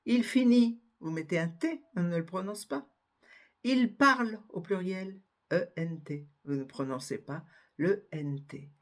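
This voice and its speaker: A woman giving a spelling and pronunciation lesson, slowly spelling out letters and examples one by one. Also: deep voice, a little mellow. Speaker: French teacher.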